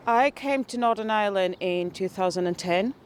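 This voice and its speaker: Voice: mid-range voice, moderate pace. A speaker in their fifties from Angola, emphatic and speaking in short phrases in a documentary interview. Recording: light background noise.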